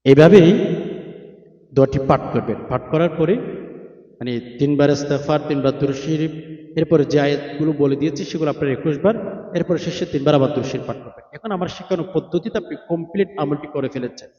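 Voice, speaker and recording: A man's voice: fairly high pitch, mellow. A man preaching, chanting prayers in long melodic phrases and explaining them in a sermon. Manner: melodic drawn-out chanting, then rapid explaining. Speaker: Islamic preacher. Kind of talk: chanted Quranic recitation and sermon. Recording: echoey distant lo-fi recording with faint music.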